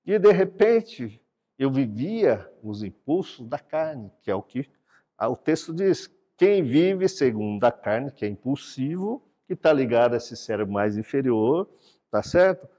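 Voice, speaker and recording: A man giving a sermon-like talk about the brain and God, explaining a drawing with animated delivery and repeating words for emphasis. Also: mid-range voice, unhurried, in a large hall. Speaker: speaker teaching brain science and faith.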